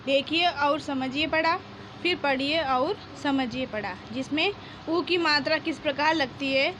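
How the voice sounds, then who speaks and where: A woman with a high voice leads a reading lesson for young children. She speaks slowly and breaks words into syllables. She asks her own questions and answers them, with faint traffic noise in the background. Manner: sounds out syllables, then repeats whole words. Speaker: primary school teacher.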